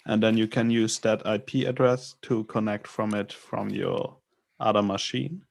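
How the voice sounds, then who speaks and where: A man's voice: fairly low pitch, steady tone, unhurried, creaky. A man on a video call giving patient step-by-step technical instructions. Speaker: workshop helper guiding setup.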